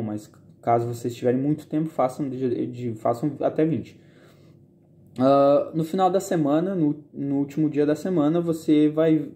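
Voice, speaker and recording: A man's voice: a little high, warm tone. A young man in his twenties from southern Brazil, explaining study tips in a casual vlog and often checking in with his viewers. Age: 20s. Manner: chatty, often checks in with listeners. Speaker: university student sharing study tips.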